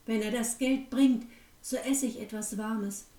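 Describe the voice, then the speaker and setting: A meek young girl from a fairy tale pleads in a trembling voice, as a woman narrator puts her on. The voice is fairly high and mellow. It sounds roomy and set back from the mic. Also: steady tone, a little slow, recorded from a distance, natural voice. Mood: pleading.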